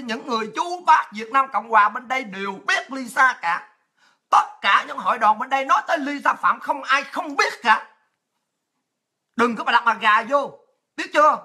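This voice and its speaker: Southern vietnamese lady yelling a rant on her stream, super bright, kinda raspy, crude and taunting. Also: on the high side, moderate pace. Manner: aggressive, crude, taunting, often shouting. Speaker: livestream host. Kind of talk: political rant.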